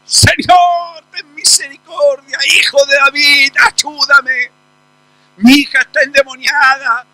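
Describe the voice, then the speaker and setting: A man voicing a desperate mother who shouts and pleads for help while preaching a sermon. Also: very high voice, huge pitch swings, slow pace, dry recording, full character voice, low-quality recording. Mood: desperate pleading. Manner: crying out loudly, urgent.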